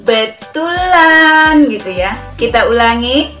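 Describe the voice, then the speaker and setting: A woman with a high voice leads a casual sign language lesson, repeating each word slowly as she demonstrates it. She sits a little away from the mic. Soft music plays faintly underneath. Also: animated, recorded from a distance. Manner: chatty, repeats words slowly while demonstrating signs. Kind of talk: casual tutorial.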